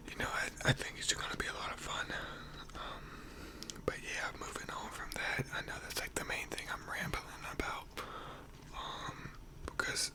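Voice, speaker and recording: An American teenager whispering a casual, rambling ASMR monologue, quiet as if late at night. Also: poor audio. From North Carolina, United States. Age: teenager, around 16 to 18. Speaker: ASMR video creator.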